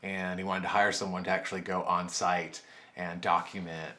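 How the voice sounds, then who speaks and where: A young man with a very low voice tells a story on a casual podcast. He rambles, laughs easily and lets his sentences trail off. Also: level tone, moderate pace, bright, forceful tone. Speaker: podcast co-host.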